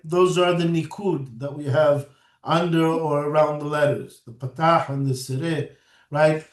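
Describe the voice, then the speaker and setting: A man teaching a recorded lecture, explaining step by step and often checking in with "right?". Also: fairly high pitch. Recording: echoey room, mic at a distance.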